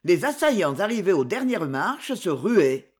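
A narrator reading a swashbuckling adventure novel aloud in a dramatic, expressive storytelling manner. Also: medium pitch, unhurried, breathy edge.

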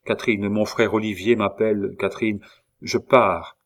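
A man's voice: on the low side, fairly even intonation, normal speed, close to an everyday voice. Earnest young nobleman, read by a man. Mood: urgent. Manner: earnest, urgent.

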